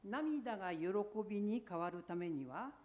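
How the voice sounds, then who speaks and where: A woman preaching a sermon in short, earnest phrases, pausing for an interpreter. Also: mid-range voice, big pitch swings, a little mellow.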